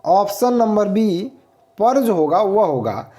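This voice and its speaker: A man's voice: high-pitched, big pitch swings, takes it slowly, dark tone. A man teaching a grammar lesson for exam students, explaining step by step and asking and answering his own questions.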